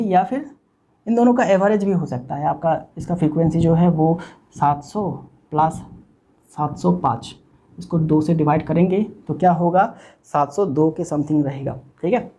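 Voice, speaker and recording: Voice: mid-range voice, warm tone. A teacher giving a recorded online physics lecture, explaining step by step, repeating key points and checking in often with "okay". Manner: repeats points and mixes in English technical terms.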